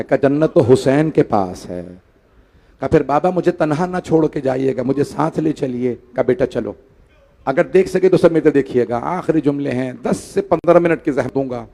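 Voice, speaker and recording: A man preaching a mourning sermon, swelling from hushed grief to loud pleading cries. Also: medium pitch, creaky. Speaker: Shia preacher reciting a majlis. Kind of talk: mourning sermon, chanted recitation of tragedy.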